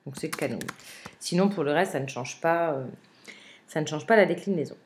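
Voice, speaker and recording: A woman teaching a remote Latin lesson, reading Latin phrases slowly and glossing them word by word, with frequent hesitant fillers. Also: sits low, slight background noise. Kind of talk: remote lesson, explaining a translation.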